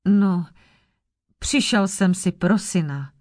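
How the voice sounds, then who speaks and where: A woman's voice: mid-range voice, darkish tone, no echo, studio quality, lightly acted. A woman voicing a limping, kindly old father who worries about his son. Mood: plain.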